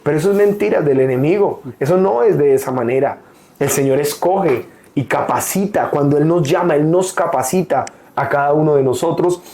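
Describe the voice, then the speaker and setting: Earnest young male pastor, mellow voice. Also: on the high side. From Colombia. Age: young adult. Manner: earnest, personal testimony with frequent "eh" pauses. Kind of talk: sermon.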